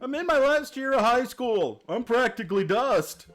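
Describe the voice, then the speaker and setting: A man voicing a sarcastic teenage girl in her last year of high school, teasing her dad with deadpan quips in a game playthrough. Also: moderate pace, soft background music. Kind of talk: playthrough voice acting.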